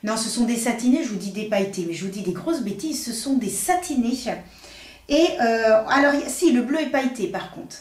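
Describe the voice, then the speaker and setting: A woman presenting a casual makeup tutorial, chatty and hesitant, often pausing on fillers and correcting herself. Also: a little high, lively intonation, a little mellow, echoey room. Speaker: beauty vlogger.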